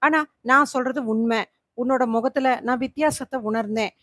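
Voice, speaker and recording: Frightened husband, anxious and pleading, read by a woman; highish, dry sound. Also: moderate pace, a bit bright, dry recording. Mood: worried. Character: worried middle-aged husband, pleading.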